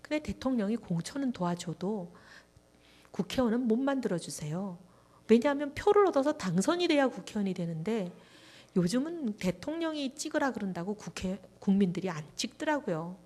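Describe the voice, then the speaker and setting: A middle-aged woman, guesting at a church revival meeting, gives a testimony sermon at a fairly quick pace and medium pitch. She tells her story with animation, acting out prayers and conversations.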